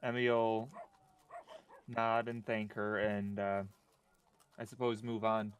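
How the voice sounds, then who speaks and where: A man's voice: lowish voice, level tone, slow pace, clear, resonant tone. A man talking casually as a player in a tabletop game. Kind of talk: casual chat.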